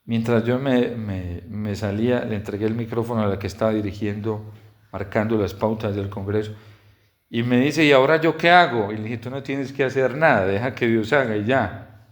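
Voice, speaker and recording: Man preaching a homily. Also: normal speed. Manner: builds to loud high-pitched exhortations; storytelling with lively quoted dialogue.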